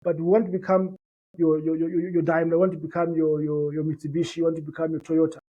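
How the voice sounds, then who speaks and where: In a muffled recording, a man with a slightly high, level-toned voice speaks at a quick pace. He's a company founder from Zimbabwe, a Shona native speaker, earnestly delivering a conversational business pitch during an interview, with frequent fillers and repetition.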